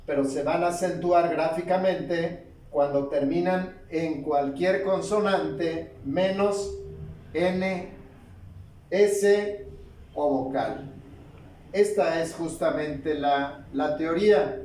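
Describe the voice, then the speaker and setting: A male teacher with a slightly high voice works slowly through a grammar lesson. He asks his own questions and answers them with measured pauses. He sounds set back from the mic in a room with a lot of echo. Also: a little mellow, far from the mic, a little hiss or hum.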